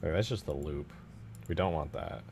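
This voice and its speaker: Extremely low-pitched and creaky, this man speaks at normal speed with music in the background. A game modder livestreaming his work, he chats casually, thinking out loud in informal, slangy fragments and swearing casually.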